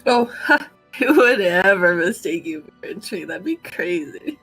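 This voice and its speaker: Husky, lively woman player. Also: medium pitch, unhurried, soft background music, poor audio. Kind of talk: casual tabletop play.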